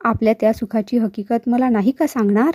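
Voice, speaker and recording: A woman voicing a kindly male narrator who gently coaxes a story out. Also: a little high, steady tone, a little fast, no echo, studio quality, natural voice. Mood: coaxing.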